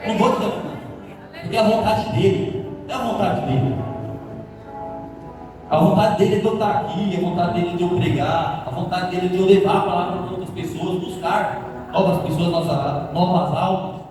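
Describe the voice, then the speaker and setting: A young man giving a nervous, earnest youth testimony in church, pleading and halting with restarts. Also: high-pitched, over music. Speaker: youth speaker. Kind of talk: nervous personal testimony sermon. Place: church hall. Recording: echoey hall, mic from far off.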